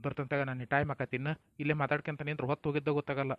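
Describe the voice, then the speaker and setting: A man's voice: a little high, level tone, very fast, highs cut off. A man with a North Karnataka accent acting in a family comedy skit, folksy and coaxing, sometimes stern. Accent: North Karnataka Kannada.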